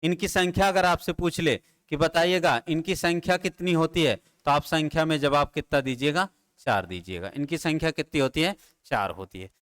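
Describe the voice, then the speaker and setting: Guy teaching grammar, asks then answers himself, kinda high clear voice. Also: normal speed, a bit bright. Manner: repeats key terms as questions and answers them himself; addresses students familiarly, drilling terms. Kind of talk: classroom lecture at a board. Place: classroom with a board.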